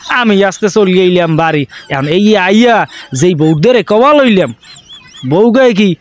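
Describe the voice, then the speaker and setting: A man's voice: high voice, a little slow. A man playing a boastful rustic villager. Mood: boastful, excited. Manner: excitable, boastful storytelling in rural dialect.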